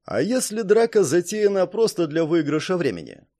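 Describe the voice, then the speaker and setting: A man's voice: high voice, sing-song, moderate pace, dark tone, voice pushed up. A wary young man who mutters his doubts, as a male reader voices him. His voice rises a little above the narration in this audiobook. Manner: mutters, questioning.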